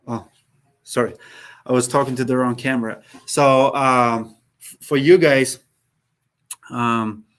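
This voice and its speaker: A man with an accent hosts a live session in Minneapolis, fielding viewers' questions in a casual style full of fillers, restarts and dropped articles. His mid-range voice is steady and fairly bright, and he speaks slowly with frequent pauses.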